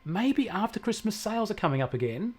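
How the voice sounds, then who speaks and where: This Australian tech-show co-host and expert has a high, husky voice and talks briskly and with lots of animation. In a casual conversation, he lays things out plainly and with strong opinions.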